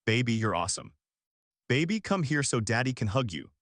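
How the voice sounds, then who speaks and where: Guy doing a sorry young dad in a dubbed drama, earnest and soft, dry close sound. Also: medium pitch, big pitch swings, a little fast, no echo. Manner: earnest, apologetic, tender. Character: remorseful young husband and father. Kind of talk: dubbed short-drama dialogue.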